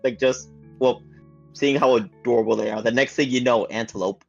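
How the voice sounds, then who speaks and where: Male player, halting casual talk, muffled mic, guitar under. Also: mid-range voice, creaky. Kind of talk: casual tabletop chat. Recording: dull audio with guitar music.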